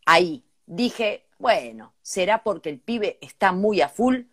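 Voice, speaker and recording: A woman's voice: mid-range voice, sing-song, takes it slowly, a bit bright. An Argentine woman co-hosting a casual comedic chat, reading listener emails aloud with joking asides. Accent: Argentine Spanish. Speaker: podcast co-host.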